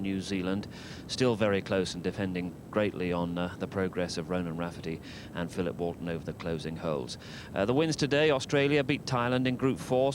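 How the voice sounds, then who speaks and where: A man presenting a round-up of golf scores in a measured reporting manner, pausing between items. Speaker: sports presenter. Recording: noisy broadcast with background rumble.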